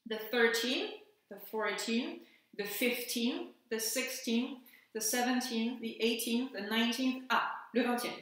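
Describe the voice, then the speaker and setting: French teacher in an echoey room. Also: female voice, a little high, fairly bright tone, far from the mic. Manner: patient, spells out letters and repeats words slowly. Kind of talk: classroom lesson explanation.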